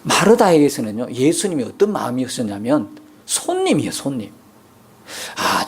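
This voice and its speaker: A pastor delivers a Sunday sermon from the pulpit. His voice rises and falls across a wide range. He keeps pressing the congregation with pointed rhetorical questions. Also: sits high. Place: church sanctuary.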